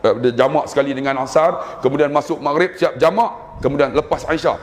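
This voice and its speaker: A man's voice: fairly high pitch, a little fast. A man with a Malaysian Malay accent preaching a sermon, telling stories animatedly and acting out prayers in a raised voice. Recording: long hall reverb.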